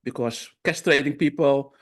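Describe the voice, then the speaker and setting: A man speaking in an online seminar discussion, halting with many fillers and restarts, heard over a video call. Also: medium pitch. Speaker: discussion participant.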